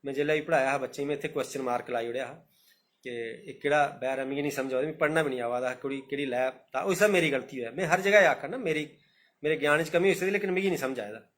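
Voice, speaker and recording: A man's voice: mid-range voice, a bit bright. Dogri man explaining and reciting verse. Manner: explaining, repeating points, recites verses slowly. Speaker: teacher. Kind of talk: live-streamed talk on poetry.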